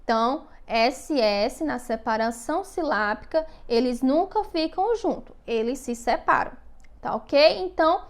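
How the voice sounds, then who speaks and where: Casting: woman schoolteacher, high pitched, unhurried, patient, stretches syllables for small children. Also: animated. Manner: slow, patient, drawn-out syllables with frequent check-in questions. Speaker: teacher. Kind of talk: recorded classroom lesson for young children.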